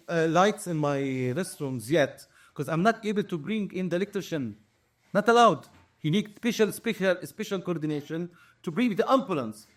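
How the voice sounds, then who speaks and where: A man in his forties speaks with a Palestinian Arabic accent, his voice sitting a little high for a man. He gives earnest, emphatic testimony in an interview, setting out his points one by one and often repeating words as he finds them. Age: 40s. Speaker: activist interviewee.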